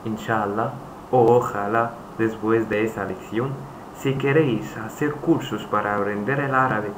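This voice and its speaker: A man teaching a lesson in a slow, halting way, repeating phrases for his students. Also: medium pitch. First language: Arabic. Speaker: Arabic teacher. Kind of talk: screen-recorded language lesson. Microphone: voice-over on screen recording. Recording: echoey room, faint hiss.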